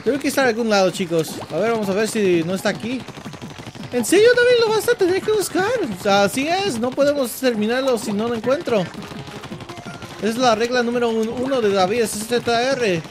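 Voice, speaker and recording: A man with a Mexican accent hosting let's play commentary, joking and teasing himself with playful shouts. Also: very high voice, fairly quick, background noise. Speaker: gaming channel host. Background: game music.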